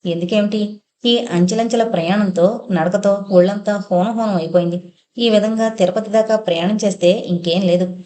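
A woman's voice: medium pitch, steady tone, moderate pace, warm tone, natural voice. A woman voicing a curt, irritable young husband on a pilgrimage in an audio novel, answering in short, snappish lines.

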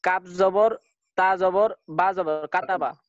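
A man's voice: high-pitched, fairly even intonation, slow pace, no echo, muffled recording. A male student in an online lesson, spelling out each syllable before blending it into a word.

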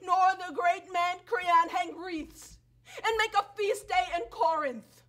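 A woman's voice: extremely high pitch, fairly even intonation, slow, fairly bright tone, heavily acted. A young woman acting a wronged, vengeful foreign princess on stage, speaking with impassioned, tearful bitterness. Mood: anguished. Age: young adult. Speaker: student stage actor.

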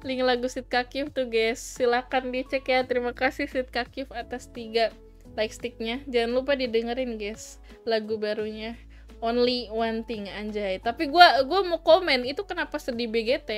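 Chatty woman streamer, kinda high voice, giggly and teasing, soft music going behind her. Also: fairly even intonation, moderate pace. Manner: chatty, giggly, reads chat aloud; playful, teasing, mixes in English. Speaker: livestream host. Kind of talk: casual chat.

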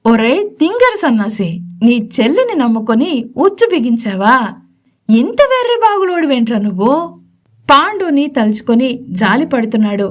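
A woman's voice: high voice, sing-song, normal speed. A woman doing a teasing young husband. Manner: teasing, laughing, affectionate banter.

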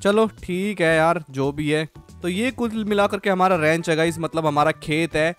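A man's voice: a little high, normal speed, fairly bright tone, clean tone, faint music behind. A man giving casual, chatty commentary over his farming game, constantly addressing his viewers as friends. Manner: chatty, keeps calling viewers "guys" and "bhai". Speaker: gaming channel host.

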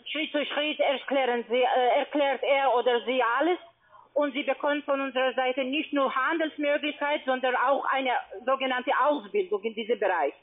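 On a thin, tinny phone line, a non-native German-speaking woman with a foreign accent pitches trading for a call centre. She struggles along haltingly, repeating herself and recasting her explanations.

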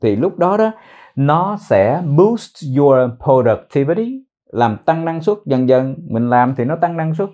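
A man teaching English pronunciation, repeating words slowly and explaining in mixed Vietnamese and English. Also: a little high, very animated, dark tone, muffled recording. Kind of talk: pronunciation lesson.

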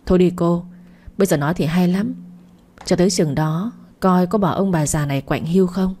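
A woman reading the part of a chatty middle-aged mother who fusses over and gently teases her grown daughter on the phone. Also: fairly low pitch, normal speed, lightly acted. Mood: teasing. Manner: chatty, fussing, gently teasing.

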